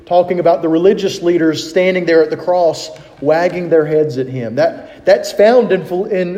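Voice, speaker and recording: A man's voice: fairly high pitch, darkish tone, in a large hall. A man preaching a sermon in a conversational way, asking his listeners questions and reading scripture aloud. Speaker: pastor.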